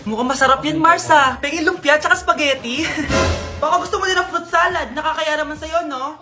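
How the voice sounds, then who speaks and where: High-voiced woman acting out a family comedy skit. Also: reverberant, music in the background. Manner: bickering, teasing, quick shifts between scolding mother and whiny child. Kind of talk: comedy skit playing several family roles.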